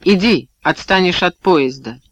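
Brief: male reader doing an embittered young wife, sharp and resolute, dry close read. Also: high-pitched, animated, measured pace, dry recording, dull audio, exaggerated voice. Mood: cold. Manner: cold, cutting retorts.

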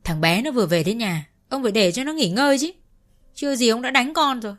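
A woman's voice: on the high side, lively intonation, quick pace, fairly bright tone, pitched above the performer's own voice. A woman voicing an elderly mother who protectively scolds her husband. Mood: reproachful. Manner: pleading, reproachful.

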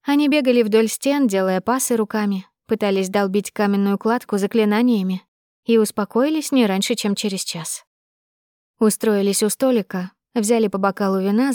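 A woman reading a first-person audiobook with expressive, measured storytelling. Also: mid-range voice, no room sound, studio quality. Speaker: narrator.

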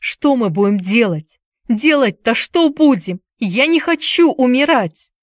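A woman's voice: lively intonation, a little slow, no echo, clean studio sound. A woman voicing a frightened young boy who whines and pleads through tears. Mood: frightened, tearful. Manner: whining, pleading, shrill. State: crying.

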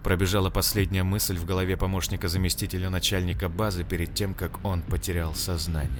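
A man reading an audiobook, expressive, acting out the dialogue. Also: sits low, fast talker, over music. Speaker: narrator. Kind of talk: audiobook narration.

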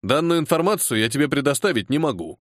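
A man voicing a tired, irritable colonel who heads a security service department, gruff and sarcastic with his subordinate. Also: fairly high pitch, sing-song, quick pace, dry recording, clean studio sound. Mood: irritated. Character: weary irritable older male colonel, security service chief.

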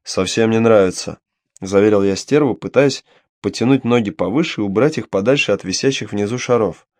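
Low-voiced man narrating an audiobook. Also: a little fast, no room sound. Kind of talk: first-person fantasy audiobook narration.

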